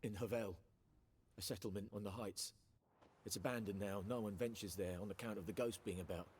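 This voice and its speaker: A man's voice: on the low side, steady tone, a little fast, darkish tone, husky. Rustic worried peasant father. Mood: pleading. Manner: rustic dialect, pleading.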